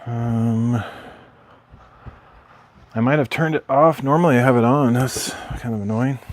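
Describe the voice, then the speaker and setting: Streaming from his home craft room, a man chats casually as he works, rambling and correcting himself in a mild, low-key manner. He talks a little slowly, and there's a faint hiss or hum.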